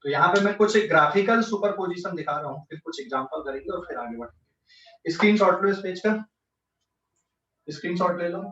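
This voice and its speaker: A man with a central Indian accent teaches physics in an online class, mixing Hindi and English as he explains step by step and often checks that students follow. His voice is high-pitched, animated and brisk with a fairly bright tone. The recording is echoey, distant and lo-fi.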